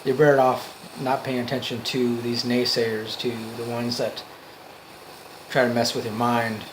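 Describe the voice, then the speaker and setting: A man giving an off-the-cuff motivational monologue, earnest and emphatic, in halting phrases that repeat for emphasis. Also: mid-range voice, little pitch movement, noisy background. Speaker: amateur motivational speaker.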